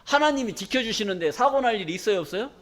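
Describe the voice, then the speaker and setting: Animated high-voiced preaching pastor. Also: male voice, fast. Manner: call-and-response questions to the congregation; emphatic, folksy preaching. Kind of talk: sermon.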